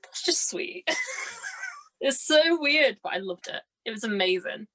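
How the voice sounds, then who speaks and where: In a low-quality recording, a young woman in her twenties appears as a podcast guest, speaking a little slowly in a fairly high, pushed, bright voice with lively intonation. Her casual chat is bubbly and giggly, with animated stories and acted-out dialogue.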